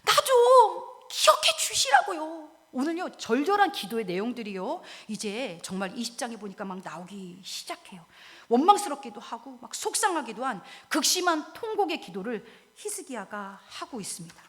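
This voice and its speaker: A woman pastor preaching a sermon, dramatic, dropping to hushed whispers and rising to loud cries while she asks the congregation direct questions. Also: fairly high pitch, big pitch swings, a little fast, few pauses. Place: church sanctuary. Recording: long reverb of a church hall.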